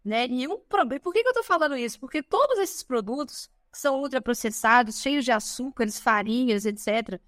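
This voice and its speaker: Speaking as a guest on a podcast, a Brazilian woman in her thirties has a high, bright-toned voice. She's bubbly and conversational, tossing in fast asides and confirming tags. There's no room echo; the audio is close and dry.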